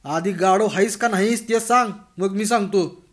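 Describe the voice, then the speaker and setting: Storybook part: gruff older village headman, bossy and scolding, high and loud, as a male narrator puts him on. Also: normal speed, natural voice. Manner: scolding, barking orders.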